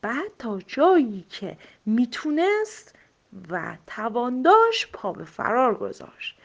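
Casting: a woman narrating a children's story, high, lively and expressive, muffled lo-fi recording.

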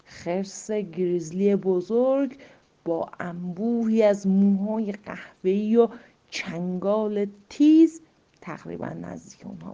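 A woman narrating a story slowly and suspensefully, often dropping to a whisper. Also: mid-range voice, vocal fry, mellow. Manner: slow suspenseful reading, drops to whispers. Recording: muffled lo-fi recording.

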